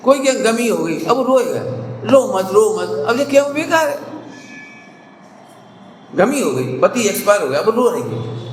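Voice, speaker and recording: High-pitched guy preaching, chatty, slips into acting out people, echoey hall w faint hum. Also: sing-song, normal speed, pauses often. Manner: conversational, acts out scolding parents with sharp rising voice. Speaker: Jain preacher. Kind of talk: sermon.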